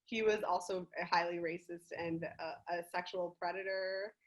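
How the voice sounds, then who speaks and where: A young woman from the United States, a guest on a casual podcast, talking in an animated, gushing way and laughing often. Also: lowish voice, normal speed, rough recording.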